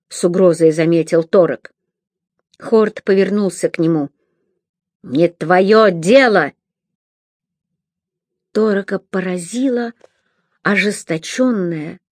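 A woman reading an audiobook in a measured, even storytelling voice. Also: lowish voice, no echo, clean studio sound. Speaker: audiobook narrator. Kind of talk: scripted narration.

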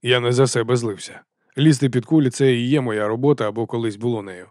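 A man reading an audiobook in a dry, deadpan, sardonic first-person narration. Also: mid-range voice, fast talker, no room sound. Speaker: audiobook reader.

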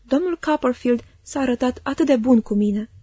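A woman's voice: high voice, slightly rough, dry recording, studio quality. A woman playing a timid, frail young mother. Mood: timid, plaintive. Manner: soft, plaintive, fearful. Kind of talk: audiobook reading.

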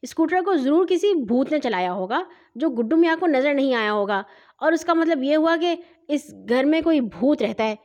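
A woman's voice: high voice, lively intonation, a little mellow, lo-fi sound. A woman playing a jittery, stammering mother. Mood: frightened. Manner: stammering and panicky. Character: flustered, fearful mother of a household.

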